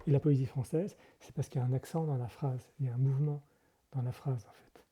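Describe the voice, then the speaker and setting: A crowd can be heard behind this man, a monk talking quickly at medium pitch with a steady tone. In a conversational interview he lays things out carefully, though he keeps hesitating, filling pauses, and correcting himself.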